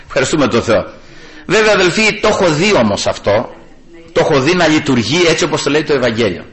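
Animated male preacher, slightly high voice. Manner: animated, swinging between raised and hushed delivery. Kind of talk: sermon.

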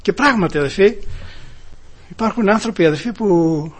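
A man with a high, expressive voice carrying a breathy edge preaches a sermon with emphasis. He sinks into hushed asides, climbs to loud exclamations, and often calls the congregation "brothers."

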